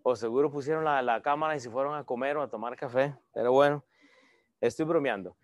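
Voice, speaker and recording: A man's voice: medium pitch, fairly quick, no room sound. A man preaching a conversational sermon to an online audience, reading verses aloud and joking with viewers. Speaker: pastor.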